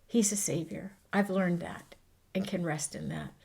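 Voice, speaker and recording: A woman's voice: fairly low pitch, a little slow, gravelly, darkish tone, slightly rough. A middle-aged American woman from Hawaii speaking earnestly and expressively as a guest in a heartfelt, casual conversation, repeating phrases for emphasis. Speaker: interview guest sharing her story.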